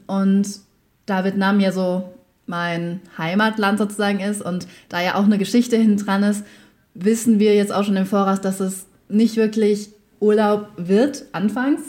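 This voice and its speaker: A woman's voice: mid-range voice, steady tone, unhurried, a little mellow. A teenage girl as podcast guest in casual chat, hesitant and thoughtful, with many fillers. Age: teens.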